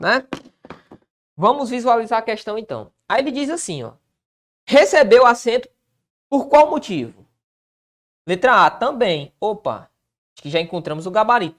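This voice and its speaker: Lively male teacher answering his own questions. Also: high voice. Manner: lively, stretches words slowly for emphasis. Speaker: Portuguese teacher. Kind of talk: online exam-prep lesson.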